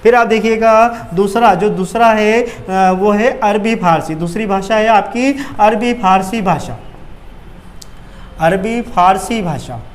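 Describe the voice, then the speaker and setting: A man's voice: high voice, slow pace, a little hiss or hum. A male teacher giving an exam-prep grammar lesson at a board, asking questions and answering them himself.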